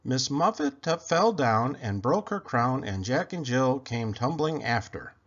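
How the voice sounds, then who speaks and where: A man with a mid-range voice reads a children's picture book aloud at a measured pace, telling the story expressively. The recording is dull and lo-fi.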